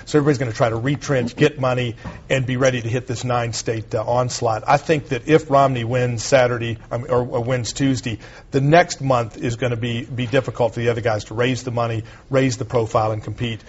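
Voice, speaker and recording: A man makes his political case at a quick clip, firm and assertive. His voice has a husky edge, and the sound is muffled like an old broadcast. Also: mid-range voice, fairly even intonation. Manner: quick, assertive partisan analysis. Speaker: conservative talk show host, panelist. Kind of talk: political panel discussion.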